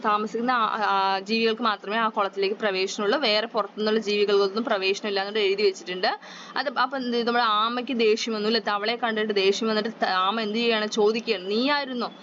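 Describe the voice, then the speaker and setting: A woman teaching a children's workbook lesson with a Malayali accent. She asks question after question and answers them herself, and she reads the story lines slowly. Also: on the high side, a bit bright. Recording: slightly dull audio, faint background noise.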